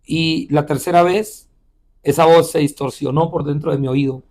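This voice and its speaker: A male pastor telling a personal spiritual testimony in an interview, halting and repeating words often with frequent "eh" fillers. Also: a little high, fairly even intonation, a little mellow. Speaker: pastor and missionary.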